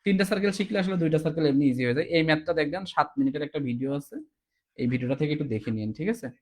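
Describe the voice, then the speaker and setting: A man's voice: on the high side, very fast. A man teaching a recorded exam-prep class, explaining step by step and often asking "ঠিক আছে?", sounding tired. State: tired, low on energy.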